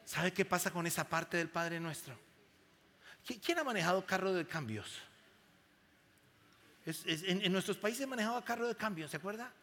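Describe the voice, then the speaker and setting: A man's voice: high voice, animated, moderate pace, long pauses, bright, forceful tone. A man preaching a sermon to a congregation, emphatic and full of questions to the crowd. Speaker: pastor. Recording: long hall reverb.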